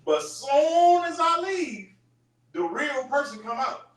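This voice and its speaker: High-voiced man leading a Bible study. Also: big pitch swings, slow pace. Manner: emphatic, conversational, keeps checking in with listeners. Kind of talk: group Bible study discussion. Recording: echoey room, voice from far off.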